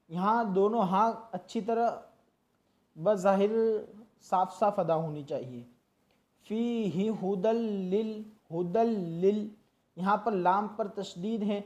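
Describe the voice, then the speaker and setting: A teacher with a mellow, darkish voice walks through a Quran reading lesson, explaining each rule patiently. Syllables are stretched out slowly to show how they should sound. The recording is dull and lo-fi. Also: mid-range voice. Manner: patient and instructive, drawing out syllables to demonstrate. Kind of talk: tajweed lesson, explaining and slowly demonstrating recitation.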